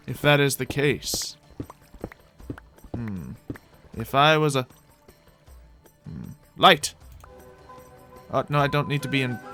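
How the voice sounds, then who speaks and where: The man's medium-pitched voice sounds pushed and bright. Hosting a game as a roleplay character, he gives playful, improvised commentary and talks his thoughts through for viewers.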